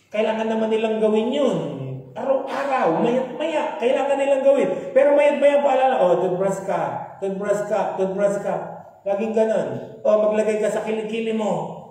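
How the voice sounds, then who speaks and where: A man's voice: sits high, warm tone. A man with a Filipino accent preaching a sermon in a conversational way, often asking his listeners "di ba?" and mixing in English. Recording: echoey hall, speaker far from mic.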